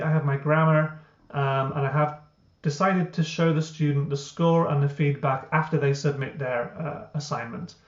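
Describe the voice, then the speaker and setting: Walking through his language app step by step, the founder gives a screen-recorded software tutorial in an explanatory way, leaning heavily on uh and um. His voice is a little high. The recording is lo-fi, sounding roomy and dull.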